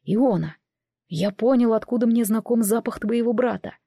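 A grim, protective man speaks tersely and urgently, as a woman narrating a storybook gives him lines. The voice stays close to her own, moderately high. The recording is dry and close. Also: normal speed, creaky, dark tone, husky, dry recording.

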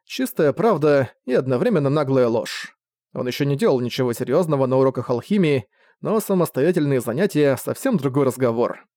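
A male narrator reads a fantasy audiobook in an even, steady voice at an ordinary middle pitch. The recording is dry and close, with no room echo. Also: brisk.

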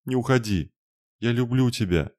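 A man's voice: medium pitch, normal speed, a little mellow, pitched above the performer's own voice, natural voice. A man voicing a desperate young woman who pleads tearfully. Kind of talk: audiobook narration.

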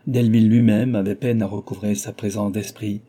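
A man narrating a classic novel aloud in a measured, literary manner. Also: lowish voice, little pitch movement, mellow. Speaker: audiobook narrator.

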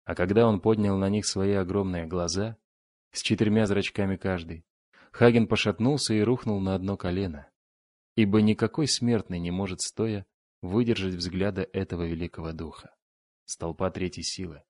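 Male audiobook narrator; low-set voice, dry close-mic studio sound, steady and dramatic. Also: moderate pace, dry recording. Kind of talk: scripted narration.

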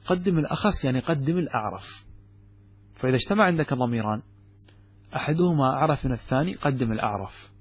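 A man teaching Arabic grammar from a classical text, with a Gulf Arabic accent, asking and answering his own questions and saying example words slowly with stress. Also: medium pitch, animated, breathy edge. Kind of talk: explaining a grammar text in a lesson.

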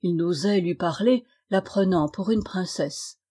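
A woman reading a classic fairy tale aloud in an expressive, measured way. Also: lowish voice, husky. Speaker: storyteller.

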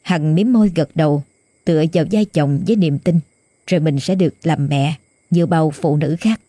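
Husky-voiced woman storyteller. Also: low-pitched, moderate pace, warm tone, no echo. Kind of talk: narrating a ghost story.

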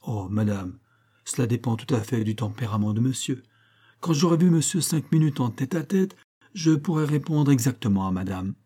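A man voicing a calm, scheming young female maid, politely deferential and matter-of-fact. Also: mid-range voice, moderate pace, slightly rough.

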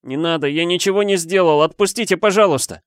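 A frightened twelve-year-old boy pleads and wails through his tears, as a man puts him on, his voice pushed up high and loud. It sits close and dry, with no room around it in this storybook reading. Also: fast, clean tone, no echo, lightly acted. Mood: begging tearfully. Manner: pleading, tearful wailing.

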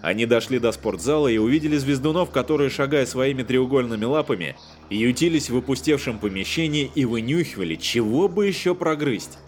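A man's voice: mid-range voice, lively intonation, fairly quick, few pauses. Male audiobook narrator, wry storytelling. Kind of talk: scripted narration.

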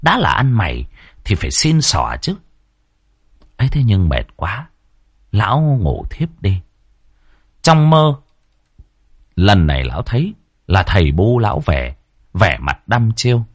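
A man narrating a ghost story in a lively, dramatic storytelling manner. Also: low voice, unhurried, long pauses, slightly rough, no room sound, studio quality.

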